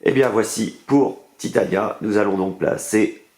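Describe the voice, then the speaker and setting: A man with a French accent casually unboxes a board game and reviews its cards, enthusiastically explaining the rules step by step with plenty of fillers. His voice is on the low side and darkish in tone, and he keeps a measured pace.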